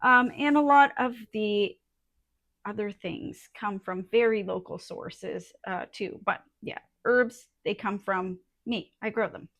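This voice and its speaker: A woman's voice: medium pitch, fairly bright tone, no room sound. Casual woman vlogger, dry close sound. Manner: informal, halting, thinking aloud. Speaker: vlogger and small soap business owner. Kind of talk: casual chatty vlog talk to viewers. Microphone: small add-on phone microphone.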